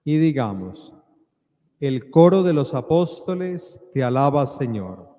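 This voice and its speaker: A male priest speaks solemn liturgical words in a mellow voice. His phrases come slowly, set apart by deliberate pauses. Each one rings out in a long cathedral-like echo. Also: medium pitch, sing-song. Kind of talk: solemn liturgical prayer and preaching. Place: large reverberant church.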